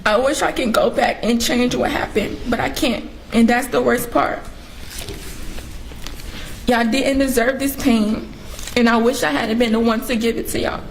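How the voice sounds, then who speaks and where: Young female defendant, tearful apology statement, higher-pitched, faint courtroom noise. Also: fairly even intonation, a little slow, vocal fry. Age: teens to young adult. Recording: noisy courtroom audio.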